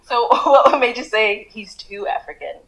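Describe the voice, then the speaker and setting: A woman's voice: a little high, expressive, measured pace, fairly bright tone, rough recording. A woman interviewing people on the street, asking brief, curious questions.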